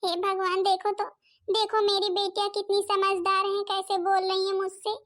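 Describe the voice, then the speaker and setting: A woman voicing a patient young daughter-in-law in a cartoon comedy, gently pleading. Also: very high-pitched, monotone, moderate pace. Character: patient young elder daughter-in-law, mother of two girls.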